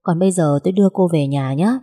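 Storybook young male suitor, steady and teasing, read by a woman, husky lowish voice. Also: quick pace, in a large hall. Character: young man, calm, teasing, persistent suitor.

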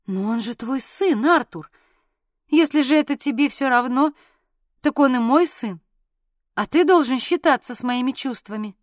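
A woman's voice: high-pitched, expressive, moderate pace, no echo, clean studio sound. A woman reading a tender young mother. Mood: earnest tender. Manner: gentle and earnest. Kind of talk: audiobook character voicing.

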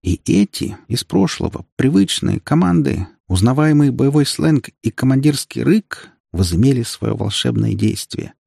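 A man narrating a dramatic audiobook in an expressive storytelling manner. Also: medium pitch, moderate pace, gravelly, hardly any pauses, husky, no room sound, clean studio sound.

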